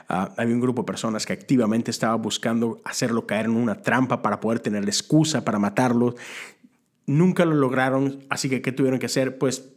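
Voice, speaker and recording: Man, Methodist preacher, conversational sermon, rhetorical questions, middle pitch. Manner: chatty, full of rhetorical questions and asides.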